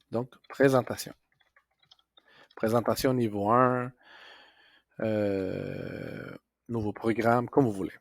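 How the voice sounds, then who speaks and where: Guy w explaining a program slowly, lots of euh, dry mic. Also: fairly low pitch, no echo. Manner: slow, step-by-step explaining with fillers and self-corrections. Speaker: teacher. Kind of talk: software tutorial screencast.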